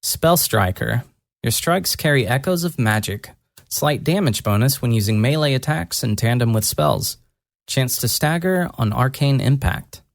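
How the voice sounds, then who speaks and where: A narrator performs a soft-spoken young woman mage in a fantasy audio tale, murmuring with deliberate care, earnest yet gently teasing while explaining. The voice is mid-range, animated and creaky, captured in a clean, echo-free studio.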